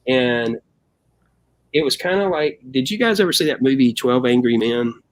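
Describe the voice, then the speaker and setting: A band member from the United States, guesting on a casual interview, tells stories animatedly, acting out quoted voices and saying "man" a lot. His voice is mid-range and fairly quick, and the audio quality is poor.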